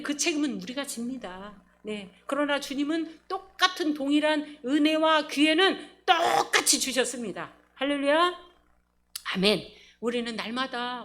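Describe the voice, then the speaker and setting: A middle-aged woman pastor preaching a sermon, laughing often and acting out little quotes. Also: fairly high pitch. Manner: animated, laughing, acts out quotes.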